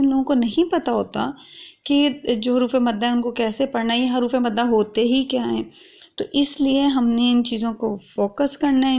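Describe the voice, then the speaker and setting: Woman teacher for an online lesson; raised pitch with some vocal fry, patient, stretches out syllables, dull lo-fi sound. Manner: explains patiently, drawing out letters and syllables; mixes English words into her speech. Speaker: Quran tajweed teacher.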